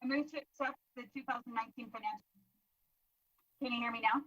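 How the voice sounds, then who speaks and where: A woman's voice: on the high side, steady tone, fast, a bit bright, muffled recording. A council member on a remote video call, making a brief formal motion with a light joke while her audio keeps breaking up. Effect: audio breaking up over a remote call. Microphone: remote video call connection.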